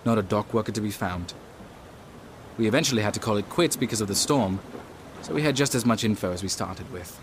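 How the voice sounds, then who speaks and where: A man's voice: lowish voice, a little fast, noisy background, lightly acted. An actor playing a matter-of-fact male investigator, giving scripted first-person narration in an audio drama. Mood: dry, resigned. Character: dry, jittery male investigator narrating his case. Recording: clear outdoor ambience behind.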